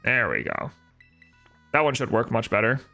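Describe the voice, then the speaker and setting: A man's voice: mid-range voice, big pitch swings, moderate pace, creaky, sharp tone, faint music behind. A young man, chatting casually on a live stream, opinionated and answering his chat with rhetorical questions. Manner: opinionated, talks back to chat with rhetorical "right?".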